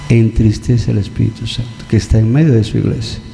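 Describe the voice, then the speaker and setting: A man's voice: fairly low pitch, level tone, a little fast, vocal fry, dark tone, slight background noise. A man with a Mexican accent preaching a conversational sermon, acting out the voices of people he quotes. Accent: Mexican Spanish. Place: church hall. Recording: long church reverb.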